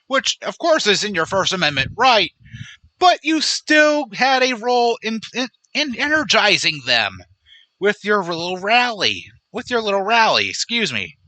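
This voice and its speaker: A man hosting a political commentary podcast, sarcastic and indignant as he lays out his case. His voice is higher than most men's and very bright and forceful. The recording is close and dry. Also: big pitch swings, measured pace, dry recording, poor audio. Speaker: podcast host.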